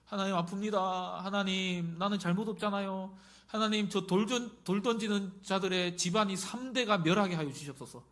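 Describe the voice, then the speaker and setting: A man acting out a hurt, indignant man crying out in prayer. The voice climbs higher and louder than his normal speech, with every line pleading and resentful. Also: moderate pace, hardly any pauses. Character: wounded man praying for revenge.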